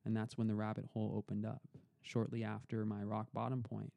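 In this dry, muffled recording, a young podcast guest recounts his story during a relaxed interview. He sounds earnest and thoughtful, frequently repeating words as he sorts out what to say. His lowish, mellow voice has vocal fry, stays monotone and moves a little fast.

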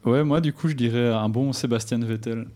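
A man's voice: mid-range voice, fairly quick, warm tone. A young man, co-hosting a casual chat show in a joking, self-mocking way. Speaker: co-host.

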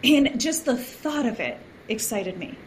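A woman who is a guest on a podcast, sharing her story in a chatty, animated way with many fillers. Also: on the high side, measured pace, slight background noise. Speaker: podcast guest, founder of a moms community. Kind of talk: casual podcast conversation.

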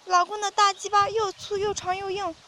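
A woman voicing a frightened young woman in an audio story, pleading loudly in a high, crying voice. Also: little pitch movement, normal speed, slight background noise. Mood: submissive. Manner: high, loud, crying pleas.

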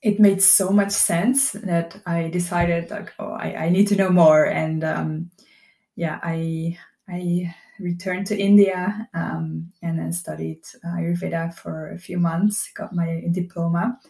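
A woman's voice: fairly low pitch, level tone, slow pace, gravelly, mellow. A woman from Belgium, an Ayurvedic practitioner, telling her story as an interview guest in a thoughtful, hesitant way. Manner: thoughtful and hesitant, many ums and restarts. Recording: roomy echo.

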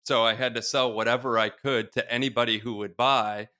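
A man's voice: mid-range voice, fairly even intonation, fairly quick, pushed and bright, clear, resonant tone. A man hosting a podcast, a small business owner speaking in a direct, plain-spoken way. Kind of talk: casual interview chat.

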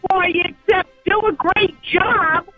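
A woman's voice: very high-pitched, steady tone, a little slow, sharp tone. An older woman with a Queens, New York accent, chatting casually as a caller to a radio show. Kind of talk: casual phone-in chat. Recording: tinny phone line over music.

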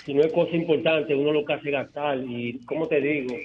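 A man's voice: on the high side, fairly even intonation, brisk, a little hiss or hum. A man calling into a radio show from home over the phone, chatting and rambling with lots of hesitant fillers. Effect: phone line into a radio show. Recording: tinny phone line.

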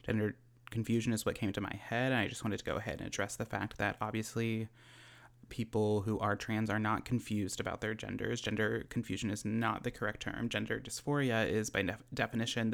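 Low, gravelly man making an earnest correction. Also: fairly even intonation, fairly quick, fairly bright tone. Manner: earnest, apologetic. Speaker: podcast host, correction. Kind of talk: recorded correction.

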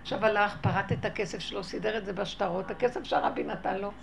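Gravelly-voiced Israeli woman telling a tale. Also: medium pitch, a little hiss or hum. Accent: Israeli Hebrew. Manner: animated storytelling, acts out quoted voices. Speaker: religious teacher.

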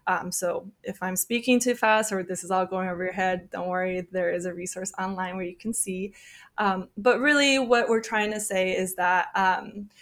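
A woman admissions officer talking through a podcast interview at a middle pitch. She explains patiently, fills pauses with "um" and checks in with "right?". Her phrase endings often fade to almost nothing. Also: steady tone, fairly bright tone. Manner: explains with frequent ums and rights.

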